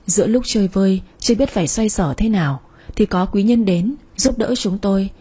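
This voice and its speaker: A woman narrating a sad first-person story in a soft storytelling manner. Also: medium pitch, a little fast, breathy edge.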